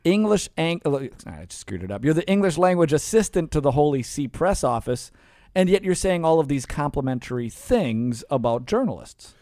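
A lively male interviewer whose pitch rises and dips with every joke. He talks in quick bursts, tripping over his own restarts and poking fun at himself, in a dry, close sound. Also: no room sound. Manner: animated, jokey, self-deprecating, stammers restarts. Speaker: host. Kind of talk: casual interview chat. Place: Canada.

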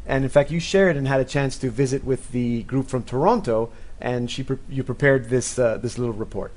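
A man's voice: medium pitch, fairly even intonation, a little fast. A man hosting a panel talk, putting questions to his guests in a conversational style. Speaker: host.

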